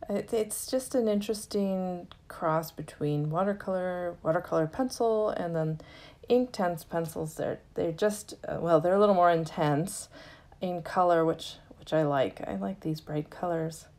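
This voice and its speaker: A craft tutorial is led by a woman whose voice is slightly low, soft-edged, and mellow. Speaking slowly and without hurry, she walks through each step gently in relaxed, everyday narration.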